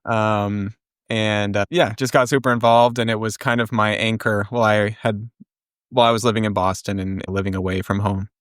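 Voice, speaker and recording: Low, smooth-voiced young man. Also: normal speed, no echo, clean studio sound. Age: young adult. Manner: reflective, relaxed, with ums and asides. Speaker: podcast co-host and guest. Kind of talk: casual interview storytelling.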